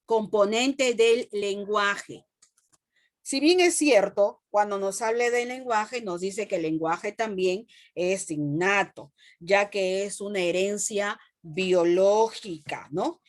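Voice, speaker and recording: A woman with a Peruvian Spanish accent teaching a class, asking the students questions and repeating phrases slowly. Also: medium pitch. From Peru. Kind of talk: classroom lesson.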